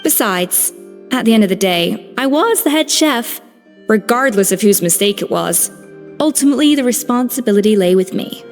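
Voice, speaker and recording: Calm and dignified, a woman who once served as head chef in a video game speaks in a composed, measured, firm manner. Her high voice rises and falls in a lively way. A long reverb trails it, with faint music in the background.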